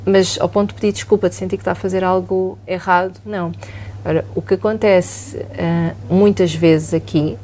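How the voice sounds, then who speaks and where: Woman, European Portuguese accent, psychologist, mellow warm tone, calm explanatory manner. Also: lowish voice, moderate pace, a little hiss or hum. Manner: calm, explanatory, often asks "não é?". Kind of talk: explanatory podcast talk.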